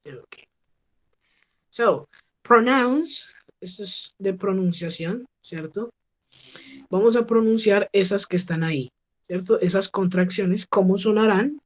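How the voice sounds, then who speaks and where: A woman teaching an English class over a video call. She models each phrase slowly and keeps checking with her students. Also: medium pitch. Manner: patient, slow model pronunciation with frequent check questions. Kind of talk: online class instruction.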